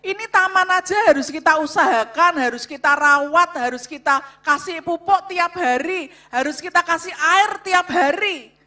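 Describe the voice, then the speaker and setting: Loud, bright-voiced woman preaching. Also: very high-pitched, moderate pace, hardly any pauses. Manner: loud, emphatic, addresses audience repeatedly. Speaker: co-speaker at a church revival on marriage. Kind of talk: sermon-style talk to a congregation.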